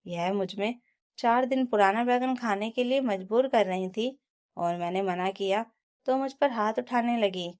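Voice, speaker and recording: A woman's voice: medium pitch, a little slow, a little mellow, close to an everyday voice. A woman voicing a young put-upon daughter-in-law. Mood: upset. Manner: pleading, then standing her ground.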